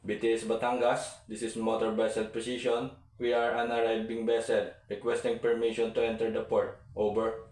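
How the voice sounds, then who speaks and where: A man acting as a ship's radio operator over a ship's radio, speaking in formal, measured radio procedure and spelling out letters and digits one by one. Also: lowish voice, monotone, darkish tone, reverberant, poor audio. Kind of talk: scripted maritime radio procedure.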